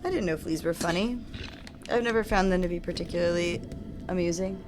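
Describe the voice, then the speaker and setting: A woman's voice: fairly low pitch, fairly quick, noisy background. A woman giving casual live commentary as she streams a game, playful and self-deprecating. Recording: music playing behind the voice.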